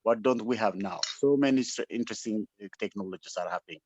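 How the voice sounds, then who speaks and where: A man with an Ethiopian accent speaks in a lowish, darkish voice at a quick pace, with a little hiss or hum in the background. As a webinar speaker, he delivers an impassioned, unscripted motivational address, emphatic and exhortative, often repeating himself for weight. It's picked up by an online call microphone, and the webinar audio sounds dull and lo-fi.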